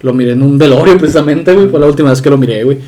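A man's voice: fairly high pitch, rapid-fire, warm tone. A man with a Mexican Spanish accent hosting a casual podcast, speaking in slangy chat. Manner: slangy, says güey constantly. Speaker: podcast host.

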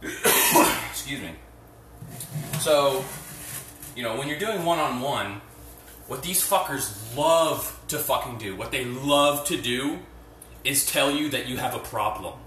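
This podcast host speaks slowly in a mid-range, fairly bright voice, pausing often as he delivers a blunt, profane, filler-heavy rambling rant while doing chores at home. He's far from his phone, used without a headset, so his voice echoes around the room over slight background noise.

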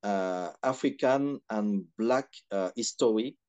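A man from Benin with a Beninese French accent gives reflective interview answers in measured, hesitant phrases with frequent pauses. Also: fairly low pitch, darkish tone, clean tone, muffled recording. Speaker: podcast guest, historian and activist.

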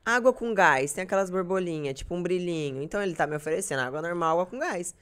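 A woman's voice: on the low side, quick pace, clear, resonant tone. A young woman from Brazil, chatting casually as a podcast guest and telling self-deprecating stories. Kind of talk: casual chat.

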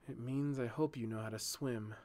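A man voicing a terse, sharp-tongued young woman guardian in a spoken storybook, low and dry in manner. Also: steady tone, moderate pace, lightly acted. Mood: dry, curt.

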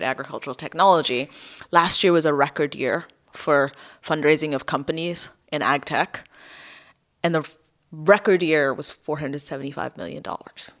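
A woman's voice: sits low, a bit bright. A woman from Ethiopia, a company founder, explaining her work in a podcast interview and often adding "right?".

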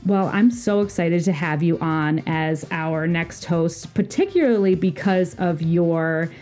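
Woman podcast host, mellow tone, welcoming intro, faint music under her. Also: lowish voice, measured pace. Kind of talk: podcast interview hosting.

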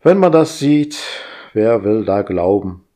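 A man's voice: on the low side, expressive, slow pace, warm tone. A man voicing a weary man at home who talks in a dry, sarcastic way.

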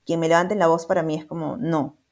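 Woman chatting casually, slightly low. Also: steady tone, fast, a little mellow. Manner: asks questions, shares personal examples. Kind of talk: casual chat.

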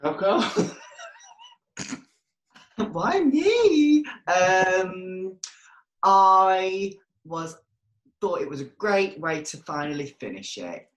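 A man's voice: high voice, sing-song, very slow, pauses often, a bit bright, lo-fi sound. A man chatting casually as a podcast guest. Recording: echoey room.

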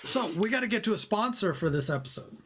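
A man's voice: sits high, lively intonation, quick pace, a bit bright, breathy edge. A man co-hosting a podcast in a casual comic chat, with a wry, teasing manner. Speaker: podcast co-host.

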